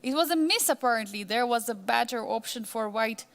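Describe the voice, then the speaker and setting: A woman's voice: on the high side, expressive, brisk, a bit bright. A woman doing live chess commentary, posing suspenseful questions and repeating phrases for emphasis.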